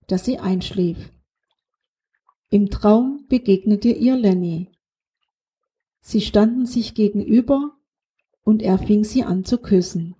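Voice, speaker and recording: A woman narrating a children's audiobook in a calm storytelling manner. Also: mid-range voice.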